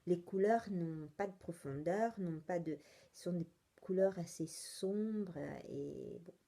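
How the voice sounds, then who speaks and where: A woman with an Italian accent chats slowly through her knitting podcast, pausing often and restarting her sentences. Her voice is low and mellow, and she speaks French as a second language. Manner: rambling, hesitant, many fillers and restarts. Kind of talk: casual chatty podcast monologue.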